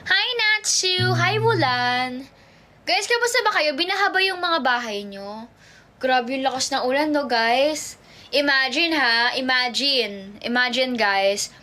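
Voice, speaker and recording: A woman's voice: sits high, pushed and bright. A young woman idol chatting casually on a phone livestream from home, reading viewer comments aloud and mixing two languages. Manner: chatty, switches between Tagalog and English, reads viewer comments aloud.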